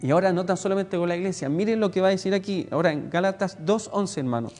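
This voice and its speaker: A man's voice: sits high, fast talker, a little mellow, big-room sound, faint music behind. A man with a Chilean accent preaching a sermon, emphatic and repeating words for stress. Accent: Chilean Spanish.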